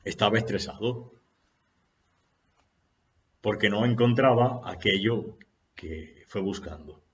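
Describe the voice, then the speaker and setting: A man speaks in an unhurried, reflective way on spiritual matters and poses rhetorical questions to his listeners. His voice sits low. The recording is dull and lo-fi.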